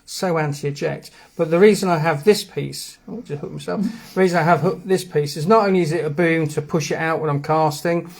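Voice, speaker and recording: A man's voice: fairly high pitch, fairly even intonation, fairly quick, vocal fry, hardly any pauses. A man with a Geordie accent hosting a live stream, rambling casually as he explains things step by step. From England. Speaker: host. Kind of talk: live stream demo and chat.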